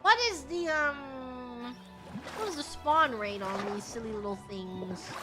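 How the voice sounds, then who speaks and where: A woman's voice: a little high, slow pace, music in the background. A woman game streamer giving casual, playful gameplay commentary with theatrical reactions.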